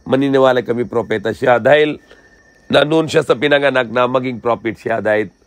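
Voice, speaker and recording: A male preacher gives a plain religious talk in a mid-pitched voice. He speaks in short, simple phrases, keeps asking questions and answering them himself, and keeps checking in with his listeners. The recording sounds dry and close. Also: brisk, no room sound. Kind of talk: religious lecture.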